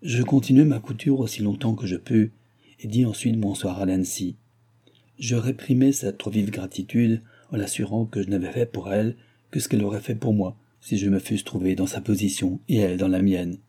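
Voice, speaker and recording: A man reading a classic novel aloud as an audiobook in a measured, literary narration. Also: on the low side, warm tone, husky. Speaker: audiobook reader. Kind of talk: scripted narration.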